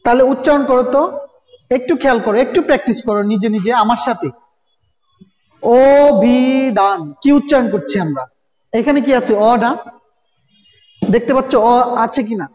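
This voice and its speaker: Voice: mid-range voice, lively intonation, fast talker, a little mellow. A teacher giving a recorded grammar lesson, constantly asking students rhetorical questions and repeating sounds. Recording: echoey room with long reverb.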